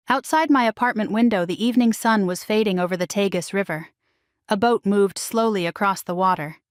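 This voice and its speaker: A middle-aged woman narrating a first-person story in a calm, measured way. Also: mid-range voice, no echo, studio quality. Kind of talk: scripted narration.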